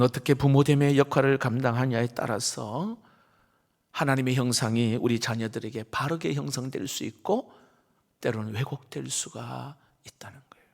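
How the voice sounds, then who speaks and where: A middle-aged male pastor, preaching a sermon emphatically and swinging between loud stresses and hushed, half-whispered asides. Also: medium pitch, vocal fry, breathy edge. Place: church sanctuary. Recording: reverberant church sanctuary.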